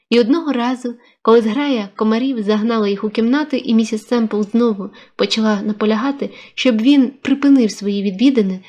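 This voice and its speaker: A woman reading a classic novel aloud as an audiobook narrator, in a measured storytelling manner. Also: fairly high pitch, darkish tone.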